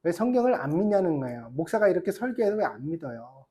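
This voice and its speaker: A pastor delivering a church sermon in a lively, swooping voice. The delivery is impassioned and exhorting, full of rhetorical questions to the congregation, with wry self-deprecating asides mixed in. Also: medium pitch, quick pace.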